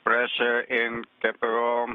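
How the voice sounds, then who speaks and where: A man's voice: mid-range voice, monotone, measured pace, slight background noise. A man giving terse, clipped status reports as a mission control communicator over a breaking-up space radio link. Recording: tinny radio comms channel.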